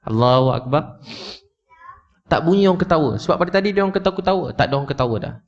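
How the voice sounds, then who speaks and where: With a voice that sits high, this preacher speaks rapid-fire and expressively to a live audience, telling an emotional story, repeating his points, and addressing listeners head-on. The recording is lo-fi and a bit dull.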